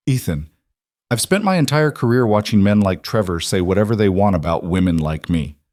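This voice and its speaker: A passionate, resolute grown woman , as a man reads her lines, earnest and measured. The voice sits fairly low, and the recording is close and dry, with no room sound. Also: expressive, a little mellow, no room sound, lightly acted.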